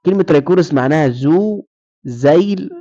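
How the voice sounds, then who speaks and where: A man's voice: fairly high pitch, lively intonation, brisk, mellow, highs cut off. A man with an Egyptian Arabic accent giving a recorded lecture, who asks his students questions and then answers them himself.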